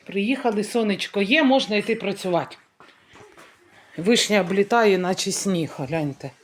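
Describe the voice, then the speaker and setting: A middle-aged woman, a family vlogger, films casually outdoors in a village garden, chatting in a homely way to camera as she shows things. Her medium-pitched voice moves at a moderate pace over slight background noise.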